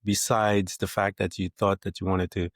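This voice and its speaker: A middle-aged man hosting an interview podcast, asking questions in a measured, reflective and slightly formal way. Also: low-pitched, level tone, dry recording, clean studio sound. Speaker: podcast host. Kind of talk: interview conversation.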